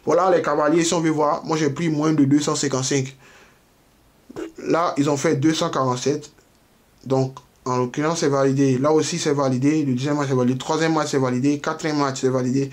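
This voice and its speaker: A man's voice: on the high side, fairly even intonation, a little fast. Man explaining bets step by step. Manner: explains step by step, repeats phrases, frequent "voilà" and "ok"; addresses viewers directly, informal. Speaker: sports betting tipster. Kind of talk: screen-share tutorial.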